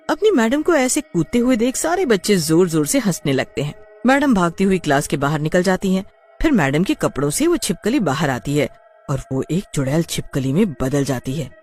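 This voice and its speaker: A woman narrates a scripted cartoon story with expressive, dramatic delivery. Her pitch rises and falls in lively swings. Faint music plays softly behind her.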